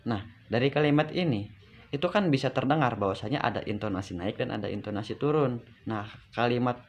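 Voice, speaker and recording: A man's voice: medium pitch, a little fast. A man giving a student presentation, explaining conversationally with frequent hesitations.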